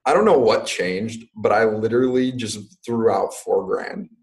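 A man's voice: lowish voice, normal speed, a little mellow. A man in his twenties, a guest entrepreneur, talking casually in a podcast interview with many fillers.

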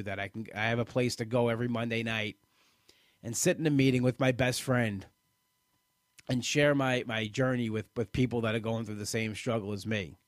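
Speaking from his own experience as a weight-loss program participant, a man in his late thirties halts repeatedly, restarting phrases and repeating words. The pitch of his voice is unremarkable, middle of the range, captured in a dry, close recording without any room sound.

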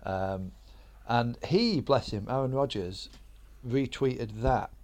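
A man's voice: medium pitch, slow pace, a little mellow. Man telling a rambling story. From Sheffield, England. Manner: rambling, self-deprecating, many restarts. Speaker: comedian guest. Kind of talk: casual storytelling chat.

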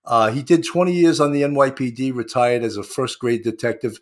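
A man's voice: mid-range voice, brisk. A man with a New York accent hosting a casual, conversational interview show.

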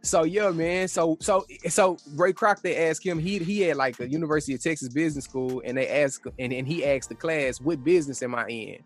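A man's voice: fairly high pitch, brisk, hardly any pauses, soft background music. A man co-hosting a casual discussion, talking in a slangy, conversational way and retelling stories as quoted dialogue. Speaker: podcast co-host.

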